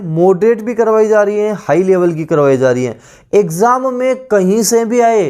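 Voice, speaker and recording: A man's voice: high voice, darkish tone. A man teaching an online exam-prep class in Hindi with a Rajasthani accent, repeating word lists and stressing reminders to remember them.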